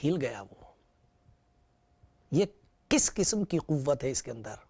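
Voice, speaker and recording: A man's voice: mid-range voice, big pitch swings, creaky, darkish tone, breathy edge. A man preaching a sermon, retelling scripture with repetition and rhetorical questions.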